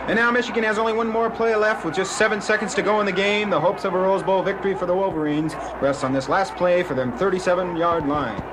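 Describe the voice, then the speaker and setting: A man playing an excited old-style radio announcer giving dramatic football play-by-play in a radio comedy sketch. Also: sits high, fast talker, few pauses, natural voice. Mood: announcing, building. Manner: breathless, dramatic build-up. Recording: clearly noisy radio skit recording.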